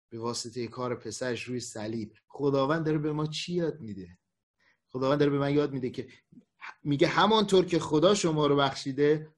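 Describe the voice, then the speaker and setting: A male pastor giving a conversational online sermon, acting out the voices of people he quotes. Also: fairly high pitch. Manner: lively, acts out quoted voices.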